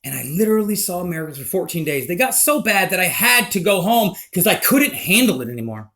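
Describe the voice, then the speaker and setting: A man recounting a personal life story in a rambling, emotional, animated way. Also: high-pitched, fairly quick.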